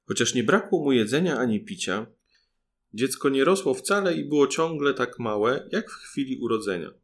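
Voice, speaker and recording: A man reading a fairy tale aloud as an audiobook narrator, with a measured storytelling cadence. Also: mid-range voice, expressive. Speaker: audiobook reader.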